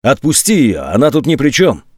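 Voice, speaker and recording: A man's voice: mid-range voice, huge pitch swings, brisk, slightly rough, no room sound, studio quality. A man voicing a frightened young teenage boy who pleads desperately. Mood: urgent. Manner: pleading, breathless with fear.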